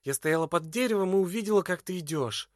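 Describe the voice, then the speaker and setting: A man reading an audiobook, voicing a passionate young woman who pleads urgently and nearly shouts. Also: sits high, expressive, fast, dry recording, studio quality, voice pushed up. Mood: longing. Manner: emotional, urgent, near-shouting. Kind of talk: audiobook character voice.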